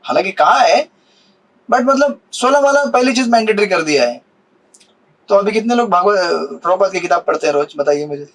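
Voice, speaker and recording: A man's voice: sits high, expressive, a little fast, low-quality recording. A man giving a sermon on scripture, asking his listeners questions and mixing English words into his Hindi. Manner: asks the audience questions, mixes English words. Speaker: spiritual teacher.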